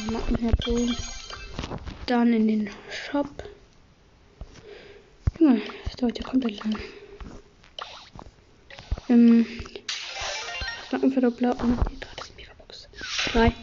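A slightly hoarse woman with a fairly high voice runs through upbeat gameplay commentary, rattling off counts and rewards in quick bursts. The audio is dull and lo-fi, with game music playing clearly behind her. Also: flat delivery. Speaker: gaming channel host.

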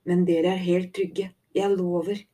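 A woman voicing a female kidnapper whose voice is light, soft and almost sleepy. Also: on the low side, steady tone, slightly rough. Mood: soothing.

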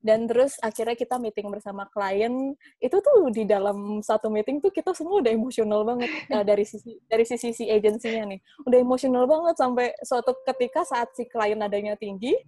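Young woman guest, rambling casual talker, slightly high voice, dry close mic. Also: a little fast, dark tone, no echo, low-quality recording. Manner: rambling with many fillers and restarts, laughs often. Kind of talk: casual podcast chat.

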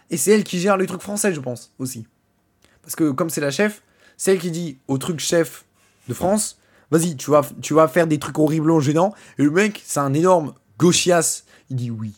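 A man rants through a crude podcast monologue, full of profanity and sarcasm. He often stumbles and restarts, and his voice sits slightly high for a man. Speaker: podcast host.

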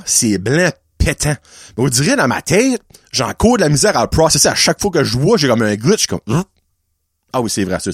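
Dude in his 30s doing a solo podcast, super animated voice, tossing english words in, dry sound. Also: mid-range voice, no echo. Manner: chatty, mixes English words into French, playful. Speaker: podcast host. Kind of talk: casual solo podcast chat.

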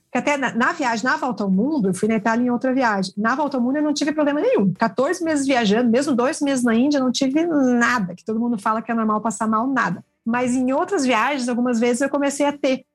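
Brazilian woman, high voice, chatty travel storyteller on a casual podcast. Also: fast, few pauses. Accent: Brazilian Portuguese. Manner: animated, chatty, self-deprecating. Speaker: traveler guest.

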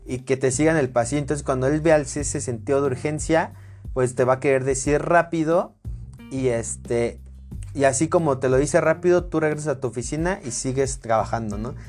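A man's voice: mid-range voice, normal speed, a little mellow, faint music behind. A man with a Mexican Spanish accent casually summarizing a productivity book, full of fillers and tag questions. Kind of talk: casual book review talk.

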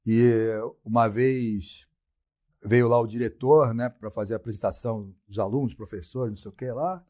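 Husky middle-aged guy w a brazilian accent, blunt and slangy, telling stories on a podcast and quoting himself. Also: mid-range voice, steady tone, normal speed, darkish tone. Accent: Brazilian Portuguese. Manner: blunt, slangy, acts out his own quoted lines. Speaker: podcast guest, sports science professor. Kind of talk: casual storytelling.

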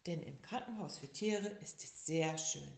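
Give me a woman reading a children's story, slow, lower-pitched, in an echoey room. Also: creaky. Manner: slow, lively, expressive.

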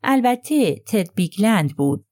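A woman's voice: medium pitch, sing-song, a little mellow, no echo, clean studio sound. A woman voicing a gossipy middle-aged nurse who talks in a hesitant, confiding way.

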